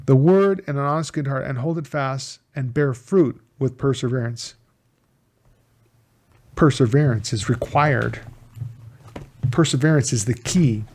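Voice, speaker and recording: A man from the United States teaches the Bible informally, his medium-pitched voice even and a little slow, with long pauses. He sounds earnest, repeating key words for emphasis and restarting phrases along the way.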